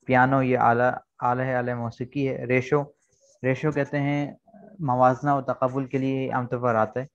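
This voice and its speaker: A man's voice: medium pitch, lo-fi sound. A man teaching an online English lesson, explaining words patiently and repeating key points. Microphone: video call.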